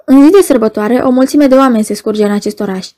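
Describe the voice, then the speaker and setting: A woman reading the lines of a stern, ailing Roman procurator, speaking quietly in a flat monotone without raising her voice. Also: a little high, natural voice. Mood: cold. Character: cold ailing Roman procurator, stern middle-aged man.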